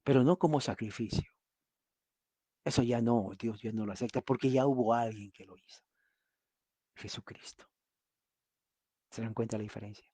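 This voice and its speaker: A man preaching a sermon as pastor, telling stories in a lively way and acting out the quotes. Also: mid-range voice, slightly rough, no room sound.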